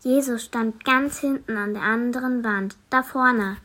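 A man voicing an excited little girl in a children's Bible story, with a high, breathy, hushed voice. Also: measured pace, heavily acted.

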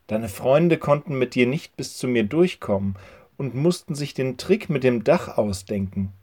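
Casting: Mann als gütiger, ruhiger Prediger, sanft und bedächtig, Bibelgeschichte für Kinder. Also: male voice, mid-range voice, animated, a little slow, darkish tone. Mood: gentle. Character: calm, kind male teacher Jesus.

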